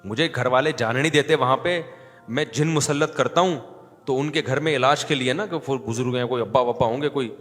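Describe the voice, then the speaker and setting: A man's voice: medium pitch, a bit bright, in a large hall, soft background music, close to an everyday voice. Man doing a whiny young lovesick faker. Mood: confessing. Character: young man faking jinn possession, pleading.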